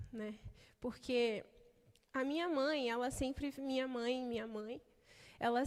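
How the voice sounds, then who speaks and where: A woman's voice: high voice, a little mellow, long reverb tail. A young woman with a Brazilian Portuguese accent preaching a sermon in a chatty, conversational way, often adding tag questions. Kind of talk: sermon with opening prayer.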